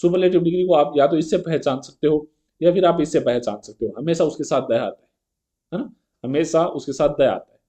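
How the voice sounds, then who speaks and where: Male teacher, fairly high voice, mellow tone, patient step-by-step exam-prep lesson. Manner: explains step by step and keeps checking with a rhetorical "है ना"; reads English example sentences slowly and carefully. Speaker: grammar teacher.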